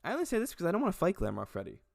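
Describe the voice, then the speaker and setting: A man's voice: high-pitched, huge pitch swings, very fast, creaky, no room sound, studio quality. A young man in a casual comedy vlog, ranting animatedly with lots of swearing and laughter. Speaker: video creator.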